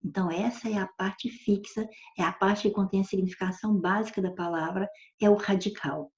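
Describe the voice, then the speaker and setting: Woman, teacher, patient lecture, warm low-key tone, muffled recording. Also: steady tone, a little fast. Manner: patient, checks understanding with frequent questions. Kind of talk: explanatory classroom lecture. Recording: dull lo-fi recording.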